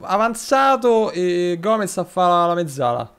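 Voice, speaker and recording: A man's voice: sits high, very animated, unhurried, fairly bright tone, clean tone. A man commenting live on a football manager game, chatting with viewers, thanking subscribers and talking to his players. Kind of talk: live gameplay commentary with chat shout-outs.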